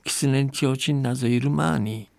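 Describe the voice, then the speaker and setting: A man's voice: medium pitch, normal speed, vocal fry, a little mellow, dry recording, lightly acted. A man doing a pleading fox girl. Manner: polite, pleading. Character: fox disguised as a pleading young bride.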